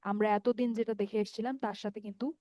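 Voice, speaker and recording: A woman teaching an online Arabic grammar lesson in Bengali with a Bangladeshi accent. She explains patiently, step by step, slowly repeats word forms with drawn-out vowels and keeps checking that her students follow. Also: medium pitch, little pitch movement, warm tone, no echo.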